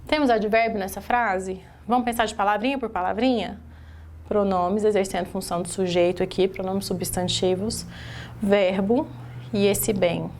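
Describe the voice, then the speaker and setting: A woman's voice: mid-range voice, fairly even intonation, moderate pace, darkish tone, a little hiss or hum. A woman with a Brazilian Portuguese accent teaching an exam-prep grammar lesson, going through a sentence word by word and putting rhetorical questions to the class.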